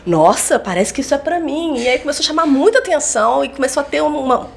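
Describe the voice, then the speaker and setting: Gravelly-voiced woman in her forties. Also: high voice, animated, quick pace, slight background noise. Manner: candid storytelling, acts out quoted dialogue. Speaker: psychologist and lecturer. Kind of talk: casual podcast chat.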